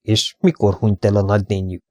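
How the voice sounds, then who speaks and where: A man reading an audiobook, playing a dry, measured older detective who asks careful questions. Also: on the low side, little pitch movement, a little mellow, no room sound, lightly acted.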